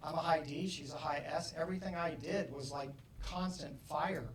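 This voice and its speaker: Animated middle-aged man in an echoey hall. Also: fairly high pitch, normal speed, slight background noise. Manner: animated, acts out dialogue, loud bursts. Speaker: motivational speaker. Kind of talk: keynote talk to an audience. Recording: roomy, distant hall mic, faint ambience.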